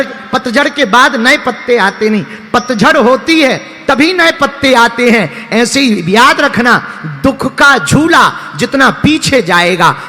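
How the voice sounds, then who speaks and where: A man's voice: extremely high pitch, sharp tone. A male preacher giving a sermon, telling humorous stories and singing verses. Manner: humorous storytelling, sings verses. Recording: long hall reverb, faint music.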